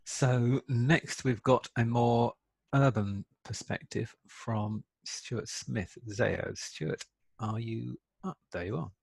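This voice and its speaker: Slow gravelly man moderating a webinar. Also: medium pitch, a little mellow, no echo. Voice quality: gravelly, husky. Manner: slow, filler-heavy.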